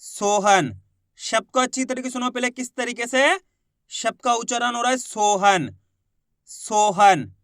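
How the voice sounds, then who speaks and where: Man, high voice, patient reading teacher, dry close sound, repeats each syllable. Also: a little slow, a bit bright, no room sound. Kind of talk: slow step-by-step lesson, sounding out syllables.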